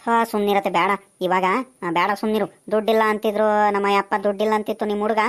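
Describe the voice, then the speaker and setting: A woman playing a young village daughter-in-law, turning down offers in low, grumbling refusals. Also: flat delivery, quick pace, close to an everyday voice.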